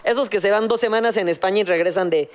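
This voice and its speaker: A man's voice: high voice, fast talker, clear, resonant tone. A man with a Mexican accent joking crudely and mimicking voices in a casual chat. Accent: Mexican Spanish. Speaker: podcast co-host.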